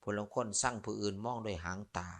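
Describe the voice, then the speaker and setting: This monk talks fast in a lowish, fairly bright voice, his Northeastern Thai Isan accent coloring a comic Dharma sermon. Jokes, stories and playful asides to the audience fill his talk.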